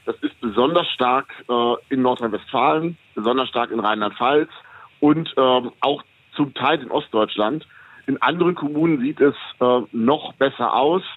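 A man's voice: medium pitch, dry recording. Man explaining over a tinny phone line. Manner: explanatory, measured, with frequent hesitations. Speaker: economist guest. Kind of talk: interview answers.

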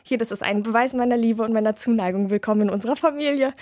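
A woman's voice: fairly high pitch, fast, a little mellow, no echo, clean studio sound. A woman author answering interview questions in a candid, chatty way with many fillers and restarts.

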